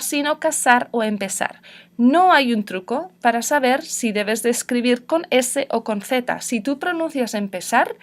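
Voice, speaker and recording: A young woman with a northern Spanish accent lectures a class on spelling rules. Her voice sits a little high and she explains patiently, spelling out one example word after another. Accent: northern Spain. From Spain. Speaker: Spanish teacher.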